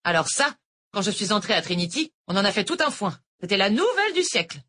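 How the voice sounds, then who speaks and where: A woman voicing a moody, bitter female math tutor in an audiobook, talking with a sharp, mock-cheerful edge. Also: medium pitch, very animated, a little fast, pitched above the performer's own voice.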